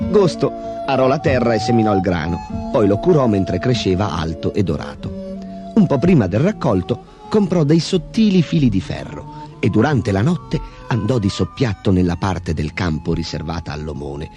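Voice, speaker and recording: A man narrating a fairy tale in an expressive, animated way. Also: lowish voice, normal speed, faint music behind. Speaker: storyteller.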